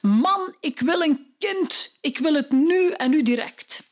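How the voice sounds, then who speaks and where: A woman's voice: expressive, moderate pace. A woman with a Flemish accent voicing a demanding, impatient young wife in a told story. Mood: insistent. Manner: shrill, insistent.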